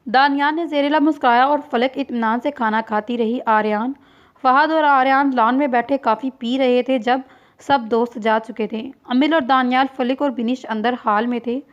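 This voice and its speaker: This novel reader has a high voice and moves at a moderate pace through scripted narration, performing every character on her own in a steady, read-aloud manner. Her recording sounds flat and lo-fi, as if made with a simple home rig.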